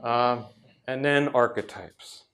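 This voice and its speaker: A man giving a reflective workshop lecture, speaking thoughtfully with frequent pauses and restarts. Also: medium pitch, a bit bright. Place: workshop room.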